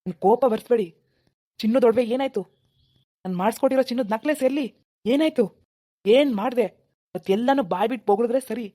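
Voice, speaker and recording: A woman voicing an angry village husband in a cartoon, accusing and threatening in a fast, dark voice. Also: on the high side, close to an everyday voice. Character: furious village husband, middle-aged man. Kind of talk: cartoon voice acting.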